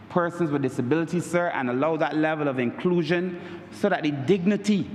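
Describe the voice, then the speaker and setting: In a large, echoey parliament chamber with long reverb and a little hiss or hum, an MP with a Barbadian accent speaks emphatically. His oratorical style keeps returning to "Mister Speaker, sir," and his pitch climbs on key points.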